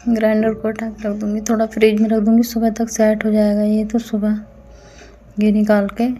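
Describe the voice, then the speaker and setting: A woman's voice: medium pitch, monotone, moderate pace, warm tone. A woman narrating a casual family vlog at home, chatting to viewers as friends while feeling unwell. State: unwell, tired. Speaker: family vlogger.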